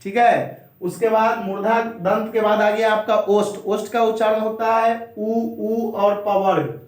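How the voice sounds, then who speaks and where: High-voiced teacher in a very echoey room. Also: male voice, level tone. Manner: slow, repetitive drilling, addresses students directly. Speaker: Hindi grammar teacher. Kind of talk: board lesson.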